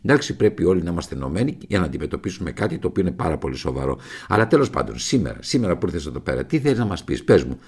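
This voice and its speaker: A man voicing his own calm, stern male other self in a comic one-man dialogue, asking measured, scolding questions. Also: low-pitched, slightly rough, pitched below the performer's own voice, full character voice.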